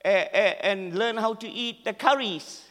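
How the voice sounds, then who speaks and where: A man with a Malaysian English accent, originally from Malaysia, preaching as a guest in church, excitable and over the top with frequent laughter. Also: high-pitched, measured pace. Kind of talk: sermon. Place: church hall. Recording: echoey church hall with long reverb.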